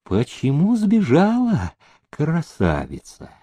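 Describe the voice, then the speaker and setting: A man reading an audiobook, voicing an older tyrannical master with a slow, threatening delivery. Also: on the low side, very animated, vocal fry, dark tone, husky, dry recording, exaggerated voice. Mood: menacing.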